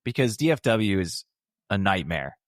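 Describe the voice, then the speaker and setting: A man co-hosting a podcast as the drummer, telling stories in a relaxed way and laughing along. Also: lowish voice, moderate pace, no room sound, clean studio sound. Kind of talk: casual podcast chat.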